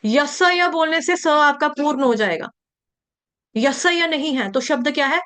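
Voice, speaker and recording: High-voiced Indian woman teaching recitation. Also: a bit bright. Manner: drills words slowly, then explains briskly. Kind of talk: slow syllable-by-syllable recitation lesson.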